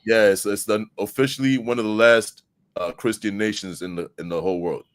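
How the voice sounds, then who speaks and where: A man's voice: lowish voice, brisk, no room sound. A man from Zambia, a guest debater on a live stream, talking casually with lots of fillers and restarts. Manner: relaxed, many fillers and restarts.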